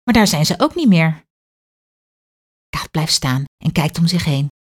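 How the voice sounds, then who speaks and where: A woman's voice: deep voice, a little slow. A woman, reading a children's story aloud expressively. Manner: clear, expressive read-aloud.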